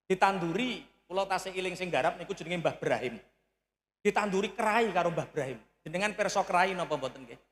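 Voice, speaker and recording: A male preacher with a Javanese accent tells stories and jokes through his sermon, now and then breaking into loud acted-out shouts. His voice sits high for a man. The sound is roomy, with a long reverb from a large hall. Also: a little fast. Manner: storytelling with jokes, loud bursts when acting out shouts. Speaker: Islamic preacher. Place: large hall at a religious gathering.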